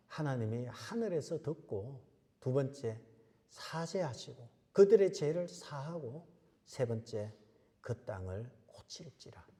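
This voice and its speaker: A man's voice: fairly high pitch, dark tone. A man preaching a sermon as pastor, emphatic, repeating key phrases and asking rhetorical questions. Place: church sanctuary. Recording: church hall reverb.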